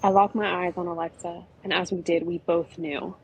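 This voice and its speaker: Husky woman narrating a story. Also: lowish voice, level tone, moderate pace, low-quality recording. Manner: chatty, with frequent "you know".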